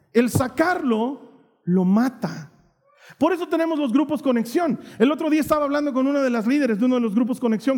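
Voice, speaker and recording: A man's voice: extremely high pitch, darkish tone, in a large hall. A man preaching a sermon as pastor, earnest and conversational, often checking in with the congregation.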